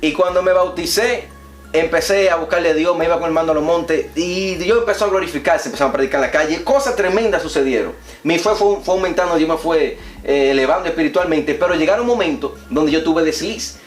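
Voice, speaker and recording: A man's voice: a little high, brisk, reverberant, soft background music. A man, an evangelist guest, telling his testimony in an earnest, preachy conversational way.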